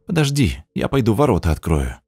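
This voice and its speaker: A man reading an audiobook, voicing a sad young woman in a softly raised voice. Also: lowish voice, sing-song, brisk, creaky, husky, no room sound, clean studio sound, voice pushed up, heavily acted. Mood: calm. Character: sad young woman visiting her late grandmother's house.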